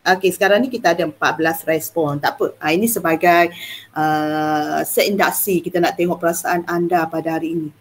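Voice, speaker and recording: A Malaysian-accented woman teaches an online class in a lowish voice. She coaxes her students along, chatty and full of "ah" fillers. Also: steady tone, fairly quick, a little hiss or hum. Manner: coaxing, many "ah" fillers, chatty.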